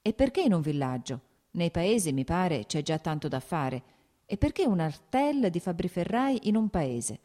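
A woman reading a timid gentle gentleman. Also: on the low side, sing-song, moderate pace. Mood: questioning. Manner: hesitant, mild questioning. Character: mild, timid gentleman, the younger brother. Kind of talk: audiobook character reading.

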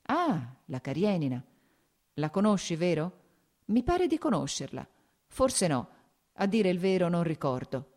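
A woman reading the lines of a young aristocratic officer in an audiobook, relaxed and lightly amused. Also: on the low side, measured pace.

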